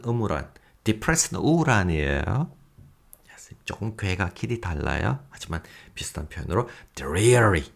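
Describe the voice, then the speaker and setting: Lively low-voiced male English teacher. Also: creaky. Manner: lively, self-mocking asides with chuckles; reads English examples slowly and deliberately. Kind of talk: recorded vocabulary lecture.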